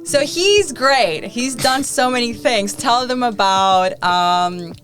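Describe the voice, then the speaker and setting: A woman's voice: fairly high pitch, expressive, takes it slowly, a bit bright. A woman in her twenties, a podcast co-host, chatting casually and rambling with lots of fillers. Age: 20s. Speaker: podcast co-host, student union president. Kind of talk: casual chat.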